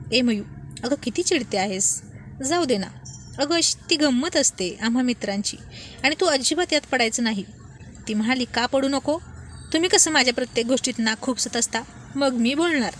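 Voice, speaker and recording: A woman narrating a romantic story and voicing its dialogue with lively emphasis. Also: a little high, normal speed, a little hiss or hum. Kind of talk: scripted story narration with character voices.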